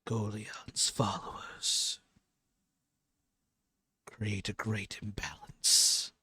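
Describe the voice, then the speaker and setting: A dry, strained whisper from a man voicing an ancient ferryman god of the dead, hoarse and ominous. He speaks slowly and drags the words out. The sound is close and dry. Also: on the low side, sharp tone, no room sound, heavily acted.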